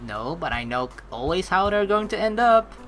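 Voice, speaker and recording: A woman with a fairly low, sing-song voice at normal speed does chatty let's-play commentary, reading game lines aloud expressively in casual gameplay commentary and script reading.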